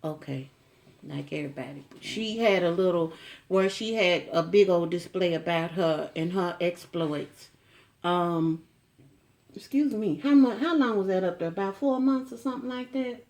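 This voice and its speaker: A woman's voice: on the low side, moderate pace, a little mellow. Folksy chatty middle-aged woman. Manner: folksy, chatty, with asides to viewers and teasing questions to her husband. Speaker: vlogger. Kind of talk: casual chat to camera.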